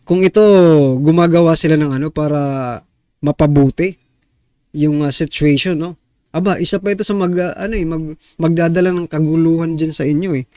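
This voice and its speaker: A man's voice: fairly high pitch, fairly even intonation, a little fast, warm tone, no echo, clean studio sound. A man hosting a news reaction vlog, talking casually to viewers in an indignant, exasperated tone and tossing rhetorical questions at them. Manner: rhetorical, keeps asking viewers "ha?" and "no?".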